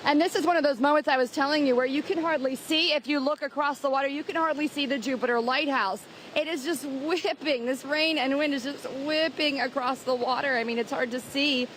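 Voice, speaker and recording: A woman's voice: high-pitched, fairly even intonation, brisk, a bit bright. A woman field reporter giving live, descriptive on-location news coverage with an urgent delivery. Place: outdoors at beach, streets and waterfront in storm. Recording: outdoor location noise with traffic.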